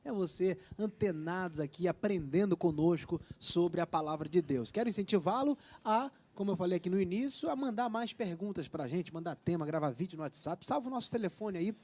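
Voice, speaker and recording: Husky high-voiced male TV host. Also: expressive, brisk, a little mellow. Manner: chatty, promotional, jokes lightly. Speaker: TV show host. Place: TV studio.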